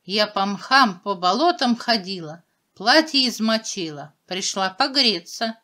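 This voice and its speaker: Female reader as storybook little girl, anxious sing-song pleas, lively melody, measured pace. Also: mid-range voice. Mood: polite. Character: anxious, pleading little girl in a fairy tale.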